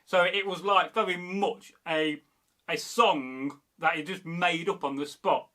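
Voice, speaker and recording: Reading out viewer comments, a Derby man hosting a history channel chats loosely and wanders, restarting often and using lots of fillers. His voice is slightly high, unhurried and sharp-toned.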